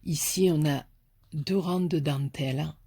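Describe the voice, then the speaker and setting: With a low, warm, slightly rough voice at a measured pace, a craft YouTuber with a southern French accent opens mail from her followers, chatting to viewers in a casual, affectionate way.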